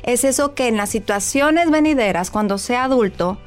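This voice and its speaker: A woman's voice: fairly high pitch, lively intonation, normal speed, faint music behind. A woman, a child psychologist, explaining parenting advice step by step in an interview. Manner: clear, agreeable, explains step by step.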